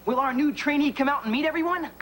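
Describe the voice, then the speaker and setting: An actor playing a friendly, chatty young manager of a fast-food place in a sitcom. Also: male voice, very high voice. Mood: eager. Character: friendly young male restaurant boss, upbeat. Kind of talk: 1990s sitcom acting. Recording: noisy TV sitcom recording.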